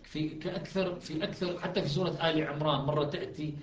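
Guy teaching a class, bit high voice, echoey muffled room sound. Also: steady tone, fast talker. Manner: explanatory, asks students if it is clear. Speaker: teacher of Quran recitation and grammar. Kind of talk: classroom lecture.

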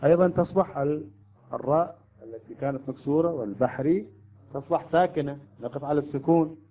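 A man teaching Quran recitation rules, explaining step by step, chanting examples slowly and quizzing his students. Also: a little high, mellow. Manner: asks students questions. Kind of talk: tajweed lesson. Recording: dull lo-fi recording.

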